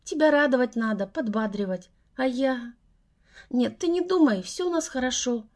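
A woman's voice: sits high, animated, normal speed. A woman reading an audiobook voices a tender older mother who speaks tearfully and fusses over her son. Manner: tearful, warm, fussing.

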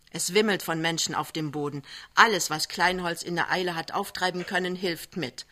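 A woman reading a novel aloud for radio in an even, measured storytelling manner. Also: on the low side. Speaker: reader.

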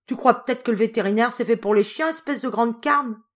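A woman voicing an angry peasant farmwife who scolds her husband and servant in shrill, rough country speech. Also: fairly quick, close to an everyday voice. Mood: furious. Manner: shrill, scolding, rustic dialect.

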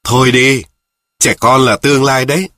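A man's voice: medium pitch, steady tone, moderate pace, bright, forceful tone, dry recording, clean studio sound, lightly acted. A man voicing a half-joking male robber while reading a story aloud. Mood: flippant.

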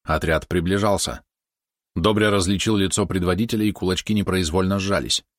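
A male audiobook narrator with a low voice and a steady, even storytelling delivery. The sound is dry and close, with no room echo. He reads with scripted care. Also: brisk.

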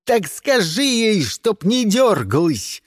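A man's voice: sits high, sing-song, takes it slowly, no echo, clean studio sound, voice pushed up, exaggerated voice. A reader voicing a bullying armed male agent who barks orders in a storybook reading. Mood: angry. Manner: barking orders.

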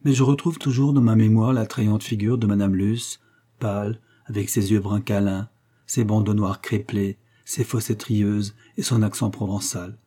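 A man reading a literary short story aloud in a measured, even storytelling manner. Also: on the low side. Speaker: audiobook narrator. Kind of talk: literary audiobook narration.

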